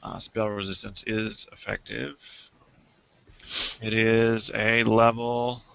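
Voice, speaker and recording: A man runs a tabletop game at an easy, slow pace, with a bright voice. He laughs and stumbles through the rules. The recording is dry and dull, with a lo-fi sound. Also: lowish voice, flat delivery, vocal fry, clear, resonant tone, no room sound. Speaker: game master.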